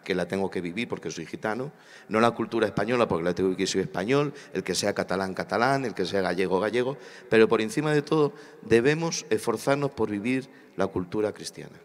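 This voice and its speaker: A man's voice: lowish voice, a little fast. A man from Spain speaking at a church congress panel, preacherly, repeating phrases for emphasis. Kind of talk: impassioned church panel talk. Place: large congress hall. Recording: hall reverb.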